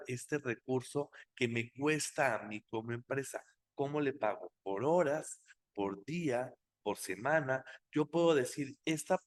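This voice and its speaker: A man walks through a software tutorial at a deliberate, unhurried pace. His pitch sits in a middle register. He keeps checking in with short rhetorical questions as he explains. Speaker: software instructor. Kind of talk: screen-recorded tutorial explanation.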